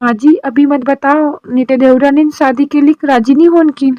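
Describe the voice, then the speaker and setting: A woman voicing a high, preachy young daughter-in-law. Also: fairly even intonation, moderate pace, no echo, muffled recording, close to an everyday voice. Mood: cheerful. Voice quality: lecturing, persuasive. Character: sensible young daughter-in-law, elder sister-in-law. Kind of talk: cartoon drama dialogue.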